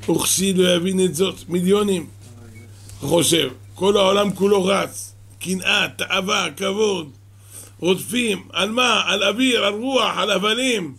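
A man with a gravelly, raspy voice sitting a little high for a man. He tells a moral parable straight to his listener, lively and full of asides and sighs.

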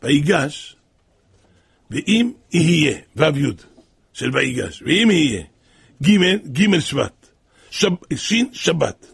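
A male preacher delivers a sermon in a raspy, husky voice with a gravelly edge. He is impassioned, dropping to near hushes and then rising to cry out. His voice sits high for a man. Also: big pitch swings, long pauses. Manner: impassioned, swings from hushed to crying out.

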